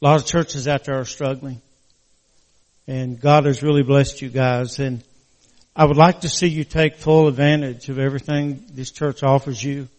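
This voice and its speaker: Preaching a sermon in church, this older man from West Virginia speaks earnestly and haltingly, in a folksy style, with slight slurring from a crooked, post-surgery mouth. His medium-pitched voice stays level and a little mellow, and the sound is that of a big room.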